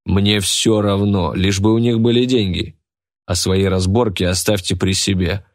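A man's voice: sits low, steady tone, no echo, clean studio sound. A man doing a smug, drawling auctioneer. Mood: gloating. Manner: drawn-out, gloating announcing. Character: smug greedy middle-aged male auctioneer.

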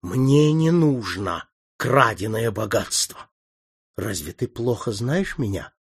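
A cold young nobleman accuses in a hollow, lifeless murmur, as a male narrator reads him. The voice is husky and sits at an ordinary middle pitch. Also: expressive, takes it slowly, full character voice. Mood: stern. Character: cold young aristocrat son, accusing, contemptuous.

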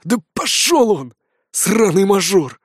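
A man voicing an exhausted, scheming old male shaman in an audiobook, with a hoarse, hissing delivery and a sullen, pushy manner. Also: on the high side, normal speed, darkish tone, no echo, clean studio sound, close to an everyday voice. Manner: sullen, then pushy and wheedling. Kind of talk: audiobook character voice.

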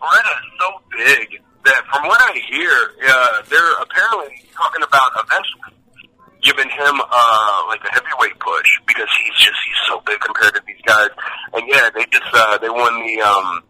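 A man's voice: mid-range voice, normal speed, sharp tone. A man calling in over the phone to a casual podcast, rambling with many fillers and swearing. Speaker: podcast co-host on a phone line. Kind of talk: casual wrestling podcast chat. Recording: tinny phone line.

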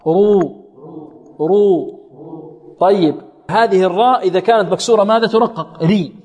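A man teaching Quran recitation in a classroom lesson, quizzing his students and demonstrating sounds over and over. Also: high-pitched. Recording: echoey hall reverb.

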